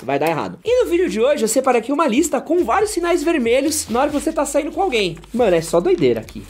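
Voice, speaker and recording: A man's voice: very high-pitched, wildly swooping pitch, quick pace, darkish tone, faint music behind. A young adult man with a Brazilian accent, a journalist and presenter giving blunt relationship advice in a vlog, slangy and swearing freely. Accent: Brazilian Portuguese.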